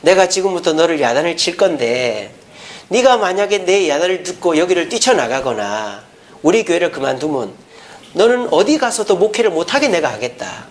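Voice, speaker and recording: A man's voice: a little high, big pitch swings, normal speed. A man preaching who briefly voices his former senior pastor, a stern older man scolding and threatening him.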